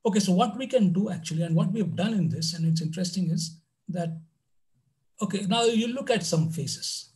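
High-voiced man. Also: animated, fairly quick, a little mellow, poor audio. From India. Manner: conversational, with frequent "you know" asides. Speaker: lecturer. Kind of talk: online math lecture.

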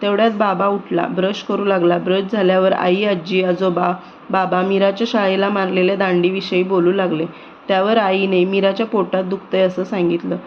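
Female narrator for a children's story, steady and unvaried, muffled low-fi recording. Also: normal speed. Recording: dull lo-fi recording with faint noise.

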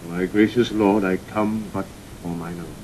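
An actor playing an ambitious, courteous rebel nobleman in a measured, formal Shakespearean style. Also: fairly even intonation, a little mellow, poor audio. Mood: courteous, firm. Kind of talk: classical Shakespearean audio drama acting. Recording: old 1960 recording, faint rumble.

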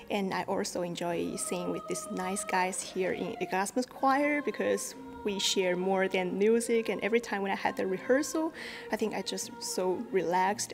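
A woman's voice: mid-range voice, creaky. A young woman from China, an exchange student, speaking earnestly to camera in simple sentences. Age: young adult. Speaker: exchange student and choir singer. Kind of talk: interview to camera. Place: indoor stage hall. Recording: music playing behind.

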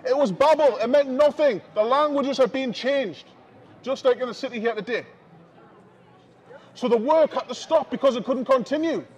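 A man with a Northern English accent and a strikingly high voice preaches loudly at a moderate pace to shoppers on a busy street, calling out to the passing crowd via a small headset mic. The open-air sermon is recorded muffled, with slight background noise.

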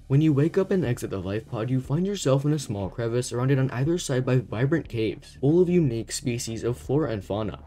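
A young man reading a scripted gaming video essay in a steady, explanatory way. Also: mid-range voice, a little hiss or hum. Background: faint background music.

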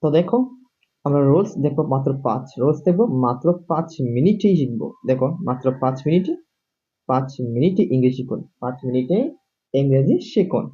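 A male English teacher gives a classroom-style video lesson from home in a dull, lo-fi recording, drilling each word over and over and repeatedly asking the viewer "see?" His mid-range voice is expressive, brisk, husky and dark in tone.

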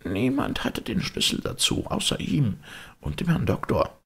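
A man voicing a loyal, frightened old male servant in an audiobook, speaking in a hushed, anxious, pleading way with a raspy voice. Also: medium pitch, wildly swooping pitch, normal speed, pitched above the performer's own voice, heavily acted. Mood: uneasy. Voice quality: gravelly, raspy. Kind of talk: audiobook character reading.

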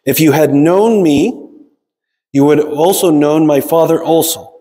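A man preaches a sermon in a conversational, explanatory style, frequently checking in with listeners using short tags like "right?" and "okay?". His voice is on the high side, mellow and a little slow, with the long reverb of a large hall around it.

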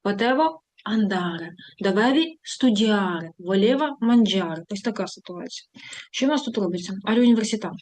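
A woman's voice: medium pitch, animated, fairly quick, a little mellow, no room sound. Woman teaching verb forms, dry close sound. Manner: reads examples and conjugations aloud, switching between Ukrainian and Italian; thinking aloud with fillers while scrolling through material. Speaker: Italian teacher. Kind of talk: online language lesson.

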